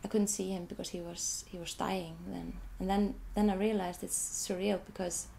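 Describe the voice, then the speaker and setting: An Icelandic artist talks through her photographs in an interview, speaking English as a second language with frequent repetitions and restarts. Her voice is medium-pitched, warm and creaky, with little pitch movement and a moderate pace. The recording is rough, carrying a little hiss or hum.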